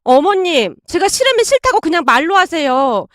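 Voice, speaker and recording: A woman's voice: very high voice, sing-song, normal speed, a bit bright, no echo, clean studio sound, full character voice. A woman voicing a sly, two-faced young wife in a storybook drama, pleading in a whiny, put-upon way. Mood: aggrieved whining.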